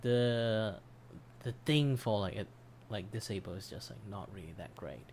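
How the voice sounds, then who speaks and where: Low-voiced man with a tiring voice. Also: a little slow, vocal fry, a little mellow, slight background noise. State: losing his voice. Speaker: streamer, commission artist. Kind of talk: casual livestream chat. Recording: background music under voice. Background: background music.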